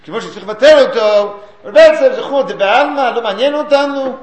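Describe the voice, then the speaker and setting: A man's voice: extremely high pitch, animated, roomy sound. A man giving a Talmudic study lecture, explaining sources and chanting the quoted texts.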